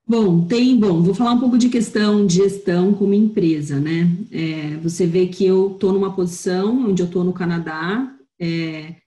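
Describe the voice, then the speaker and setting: A woman's voice: lowish voice, normal speed, hardly any pauses, mellow, roomy sound. A woman in her thirties with a Brazilian Portuguese accent, a marketing director speaking as a guest over a video call, thoughtful with many hesitations.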